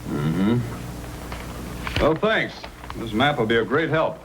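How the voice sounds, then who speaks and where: A man playing a courteous, businesslike Mountie sergeant in an old-time radio drama, with measured delivery. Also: mid-range voice, very animated, background noise. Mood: businesslike, affable.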